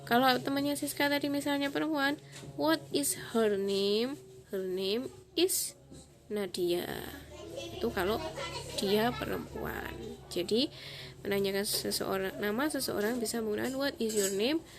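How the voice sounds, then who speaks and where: A woman teacher, giving a slow, clear lesson to young children, spelling letters out and singing the alphabet. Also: a little high. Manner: slow, clear spelling and sung alphabet, Javanese-polite asides. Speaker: primary school English teacher.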